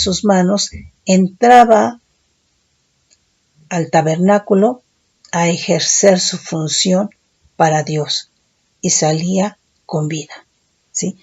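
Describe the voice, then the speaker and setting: Woman Bible teacher, slow deliberate sermon delivery, warm gravelly tone, keeps checking in with listeners. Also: medium pitch, highs cut off.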